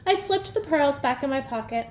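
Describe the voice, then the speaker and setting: A woman reading a storybook aloud in a lively first-person telling. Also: sits high, moderate pace, a little hiss or hum. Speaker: audiobook reader. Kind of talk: storybook narration. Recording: echoey room, faint ambience.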